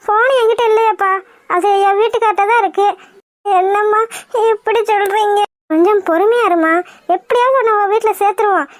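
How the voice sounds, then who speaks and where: A woman's voice: very high voice, brisk, dry recording, studio quality. A woman voicing a kind, patient housewife in a cartoon who coaxes and soothes. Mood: soothing. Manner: soothing, coaxing. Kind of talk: cartoon voice acting.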